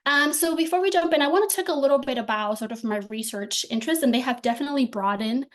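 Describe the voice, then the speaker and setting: A young woman from the Dominican Republic presents her research to an online audience through her laptop microphone. Her voice sits a little high, and she speaks in a friendly way with frequent ums. She talks like a doctoral student walking listeners through her slides. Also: fast talker. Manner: friendly, many filler ums. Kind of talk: academic presentation over video call. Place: indoor room at home. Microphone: laptop webcam on video call.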